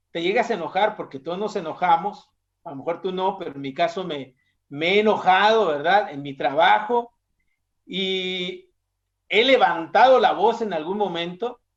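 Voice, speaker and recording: A man's voice: high voice, normal speed. A young man from Mexico preaching a sermon in a conversational way, often putting questions to his listeners. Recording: dull lo-fi sound.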